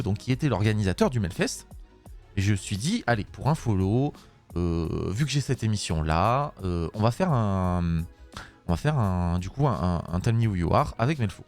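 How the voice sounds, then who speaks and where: Hoarse streamer guy rambling away, lots of euh, swears at his software, voice all over the place. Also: lowish voice, sing-song, normal speed, soft background music. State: hoarse, voice worn out. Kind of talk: casual live-stream chat.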